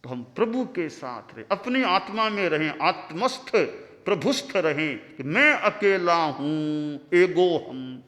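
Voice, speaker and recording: A man, a monk giving a discourse, telling a parable in a slow, animated storytelling manner. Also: on the high side. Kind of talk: sermon storytelling. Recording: long hall reverb.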